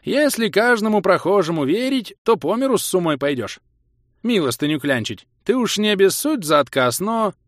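A man's voice: sits high, sing-song, normal speed, dry recording, studio quality, voice pushed up. A man voicing a folksy male village trader with rustic, wheedling speech. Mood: dismissive.

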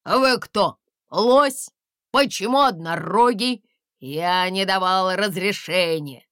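A woman's voice: medium pitch, takes it slowly, a bit bright, smooth, no room sound, studio quality. Woman doing a bossy grumpy king. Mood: indignant.

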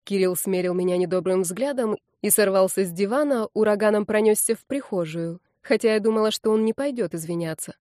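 A woman reading a first-person novel aloud in a lively, expressive way. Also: mid-range voice, brisk, hardly any pauses, no room sound, clean studio sound. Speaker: audiobook narrator.

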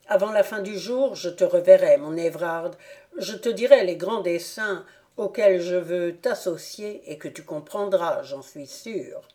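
A woman's voice: fairly low pitch, dark tone, close to an everyday voice. A woman reading the lines of a stern aristocratic old count in an audiobook, solemn and commanding.

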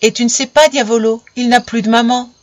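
Woman doing a high little girl's voice. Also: steady tone, fairly quick, no echo, close to an everyday voice. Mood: coaxing. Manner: scolding then coaxing. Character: little girl, stern but tender with her pets.

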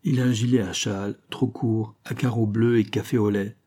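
Male audiobook narrator, low-pitched, very dark and husky, measured literary reading. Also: fairly even intonation.

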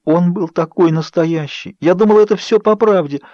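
A man's voice: mid-range voice, lively intonation, normal speed, darkish tone, dry recording. A man voicing an emotional young woman in an audiobook, pleading and tearful. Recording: dull, dry studio audio.

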